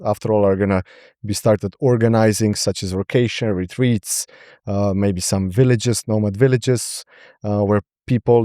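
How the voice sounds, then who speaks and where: A man from Slovenia, a podcast guest, speaking in a halting way and often repeating words as he searches for them. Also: lowish voice, dark tone, no room sound, studio quality. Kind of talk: podcast interview.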